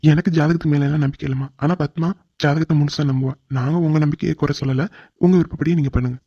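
A man's voice: a little high, fairly even intonation, quick pace, dark tone, slightly rough, dry recording. A man voicing a reassuring, middle-aged father of the groom in a cartoon drama, soothing the other family. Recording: dull lo-fi recording.

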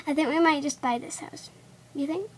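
High-voiced young girl narrating gameplay. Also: moderate pace, a little hiss or hum. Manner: chatty, rambling, with frequent fillers. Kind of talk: casual gameplay commentary. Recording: gameplay audio with loud music underneath. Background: background music.

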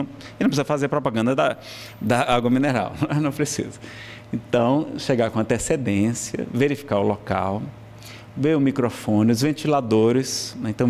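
A man's voice: mid-range voice, darkish tone. A man with a Brazilian Portuguese accent teaching a public speaking class in a lecture hall, in a conversational style full of tag questions and self-corrections.

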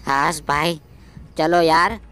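A man voicing an excitable, jokey young male game hero in a playful gameplay voiceover, full of exclamations. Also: fairly high pitch, takes it slowly, clear, resonant tone. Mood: chatty. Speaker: gameplay commentator voicing a character.

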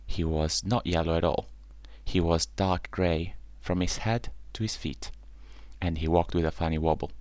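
A man reading a children's bedtime story aloud in a gentle, unhurried way. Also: low voice, no echo.

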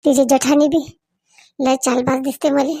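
A woman's voice: high-pitched, little pitch movement, normal speed, mellow, dry recording, clean studio sound. A woman performing a village comedy sketch, switching between several characters in rustic dialect.

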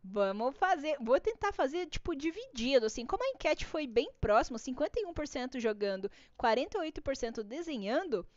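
A woman's voice: sits high, sing-song, brisk, hardly any pauses, dry recording. A Brazilian woman with a Brazilian Portuguese accent hosting a craft live stream, chatty and bubbly, greeting viewers by name. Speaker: art class host. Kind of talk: casual live-stream chat. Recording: dull dry lo-fi stream audio.

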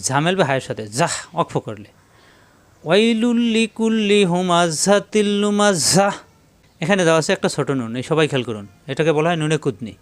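A man teaching Quran reading rules, spelling words out letter by letter and reciting verses slowly, often telling listeners to pay attention. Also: on the high side, lively intonation, no room sound. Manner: patient, repeatedly tells listeners to pay attention. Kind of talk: tajweed reading lesson.

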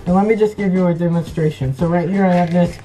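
Woman reviewer speaking through a gas mask, low and mellow voice, keen and chatty, faint music underneath. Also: fairly even intonation, fast talker, low-quality recording. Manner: enthusiastic, chatty. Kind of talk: casual product review vlog.

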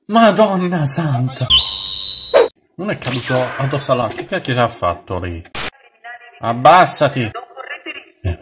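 A man's voice: mid-range voice, fairly bright tone. A man doing let's-play commentary, joking and exclaiming as he talks back to the characters on screen. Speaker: gaming channel host. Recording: noisy home recording.

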